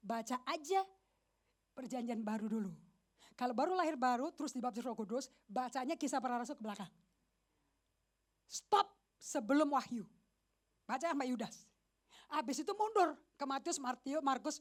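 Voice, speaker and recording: A woman pastor giving a lively, joking sermon at a church service, slipping in English phrases and often asking the congregation questions. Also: high voice, normal speed, pauses often. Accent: Indonesian. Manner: animated, mixes English phrases, jokes with the congregation.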